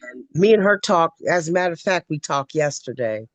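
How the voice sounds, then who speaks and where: A woman's voice: deep voice, expressive, moderate pace, dry recording. A woman from Ohio joining a video call, talking at length in a loose, filler-heavy way. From Ohio, USA. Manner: talkative, loose storytelling with many fillers. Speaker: webinar participant. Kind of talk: casual conversation.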